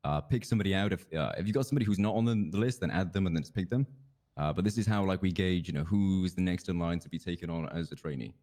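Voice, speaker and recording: Low voiced guy talking fast, casually walking people through police roleplay stuff, easygoing. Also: mellow. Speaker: police roleplay streamer briefing a trainer. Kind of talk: in-character roleplay chat, explaining procedures.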